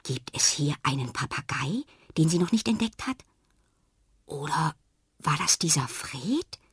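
Woman storyteller, children's story reading, calm, husky, dry close recording. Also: deep voice, unhurried, no echo.

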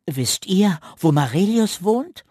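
A man's voice: high-pitched, lively intonation, slow pace, warm tone, no room sound, clean studio sound, pitched above the performer's own voice, full character voice. A man voicing a timid young creature who talks hesitantly and stammers, in a children's storybook reading. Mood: hopeful.

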